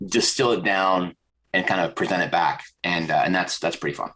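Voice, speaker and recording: A man's voice: low voice, normal speed, low-quality recording. A man being interviewed as a creative director, telling stories in a casual chat and acting out the voices of people he quotes. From American South. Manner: animated storyteller, acts out quoted voices. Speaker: podcast guest, creative director.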